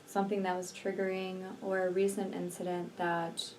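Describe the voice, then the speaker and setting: With long silences between her deliberate phrases, a woman guides a healing meditation, speaking slowly and soothingly in a relaxed, mellow, lowish voice. She works as an energy healer and meditation guide. Faint background noise accompanies a recording that sounds a little far away.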